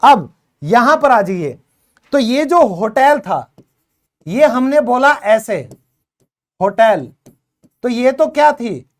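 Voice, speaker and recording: A woman teaching English in a video lesson, quizzing her learners and urging quick answers, repeating each word slowly for drill. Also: fairly high pitch, sing-song. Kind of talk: classroom-style video lesson.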